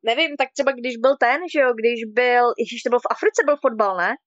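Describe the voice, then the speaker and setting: A woman's voice: fairly high pitch, no room sound, lo-fi sound. A woman casually telling a spooky childhood story on a stream, rambling and constantly padding with filler words. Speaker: guest storyteller.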